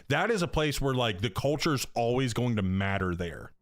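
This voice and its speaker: A man's voice: medium pitch, sing-song, moderate pace, no room sound, studio quality. A man in his thirties streaming a football video game, talking in a loose, slangy way with lots of fillers. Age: 30s. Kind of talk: casual live-stream chat.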